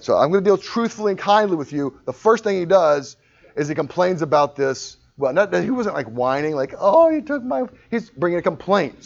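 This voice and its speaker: A man delivering a sermon in an easygoing, conversational manner, stumbling into restarts and acting out quick imagined dialogue. His voice sits a touch high for a man. The recording is dull and lo-fi. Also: creaky. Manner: conversational, self-deprecating, with frequent restarts and acted-out quotes. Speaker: pastor.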